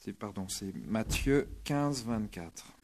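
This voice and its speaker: A male preacher giving a sermon, retelling a scripture story in a lively, dramatic way. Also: fairly low pitch, slow pace, a little hiss or hum.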